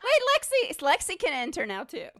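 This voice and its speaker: A woman's voice: high-pitched, wildly swooping pitch, a little fast, fairly bright tone. A woman who is a returning guest on a live stream, chatting casually in a giggly, playful way. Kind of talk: casual chat.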